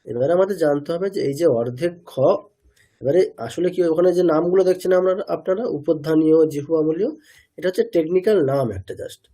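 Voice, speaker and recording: A man's voice: on the high side, fast, dark tone. A man teaching pronunciation in an online class, asking students questions, repeating their answers and sounding out syllables again and again. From India.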